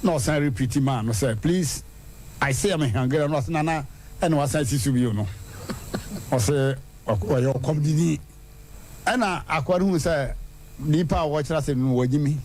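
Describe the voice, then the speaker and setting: A man hosting a radio show, telling a story in a lively way and leaping high in pitch for punchlines. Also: moderate pace, a little hiss or hum. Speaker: radio host. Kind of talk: animated radio storytelling and proverbs. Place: radio studio.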